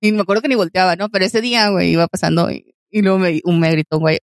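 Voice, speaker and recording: A woman's voice: fairly low pitch, steady tone, rapid-fire, no echo, studio quality. A young woman with a Mexican Spanish accent chatting casually and telling anecdotes in slangy speech, often laughing. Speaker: podcast co-host. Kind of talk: casual chat, storytelling.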